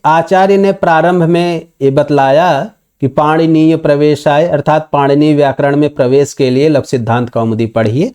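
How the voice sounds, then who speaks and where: A man teaching Sanskrit grammar in a patient lecture, slowly reciting the sutras and explaining them step by step. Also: on the high side, dark tone. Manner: acts out a student's objection in dialect.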